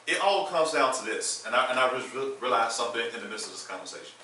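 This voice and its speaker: A man's voice: medium pitch, lively intonation, fast, sharp tone, slight background noise. A man hosting a panel talk show, blunt and outspoken in casual discussion. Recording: echoey room from far off.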